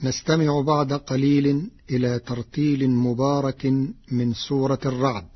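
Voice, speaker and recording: A man teaching the variant readings of Quran verses, explaining each change slowly and quoting the verses in a chanted tone. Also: medium pitch, slightly rough. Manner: slow, deliberate, quotes verses in a chanted tone. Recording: dull lo-fi recording.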